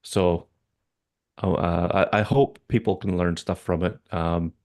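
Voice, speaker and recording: A man's voice: low voice, fairly even intonation, unhurried, darkish tone. A man with a Canadian accent hosting a podcast in casual chat, rambling with many fillers and restarts. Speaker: podcast host.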